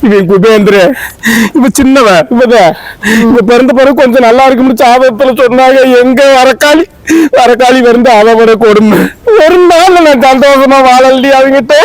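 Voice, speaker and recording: A man's voice: very high voice, moderate pace, no room sound, low-quality recording. A man playing a wailing village wife. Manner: wailing, lamenting sing-song complaints. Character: weeping village wife, worn-down mother of many. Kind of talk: comedy sketch acting.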